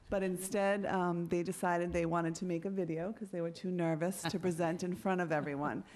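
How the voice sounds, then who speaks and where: A woman's voice: fairly low pitch, a little mellow. A woman presenting a school program at a public meeting, speaking hesitantly with frequent ums.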